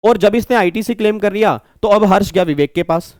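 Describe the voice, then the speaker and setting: A man teaching tax who explains points through a lively story and acts out the dialogue. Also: sits high, a little fast, dry recording, clean studio sound. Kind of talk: lecture with acted stories.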